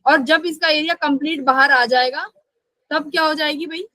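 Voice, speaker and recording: A woman's voice: sits high, steady tone, moderate pace, pushed and bright, dry recording, low-quality recording. A woman teaching a live online physics class, asking questions and answering them herself, and scolding students who skip class.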